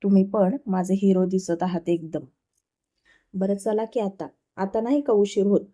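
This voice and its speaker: Coy young wife, affectionate with a hint of sulking, soft and mellow, read by a woman. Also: mid-range voice, unhurried, lightly acted.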